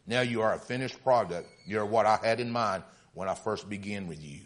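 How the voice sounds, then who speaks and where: A man voicing a calm, wise master potter explaining himself in a story told during a sermon. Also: fairly low pitch, brisk, pitched below the performer's own voice, lightly acted.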